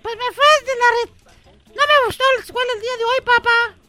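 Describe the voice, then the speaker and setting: A man putting on the voice of a little boy talking to his father, squeaky and childlike. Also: steady tone, brisk, pushed and bright, heavily acted. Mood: childish.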